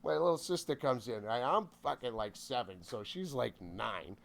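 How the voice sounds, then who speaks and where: A middle-aged man casually telling a wild childhood story, swearing constantly and shouting out the lines of the people in it. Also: medium pitch, expressive, moderate pace, creaky. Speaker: podcast guest.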